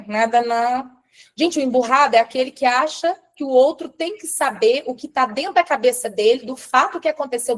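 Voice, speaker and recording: A woman from Brazil running a live-stream coaching talk, animated, calling on viewers by name and shifting between soft asides and loud stresses. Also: high-pitched. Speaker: relationship coach.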